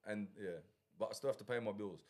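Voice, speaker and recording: A man hosting a casual podcast, joking around and laughing often between quick asides. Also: fairly low pitch, fairly even intonation, a little mellow. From Australia. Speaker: podcast host and shop owner.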